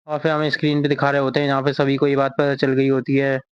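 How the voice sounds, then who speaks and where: A man's voice: medium pitch, monotone, fast, smooth, dry recording, highs cut off. A man casually retelling a manga chapter as a recap narrator. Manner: reads character lines in the same plain voice.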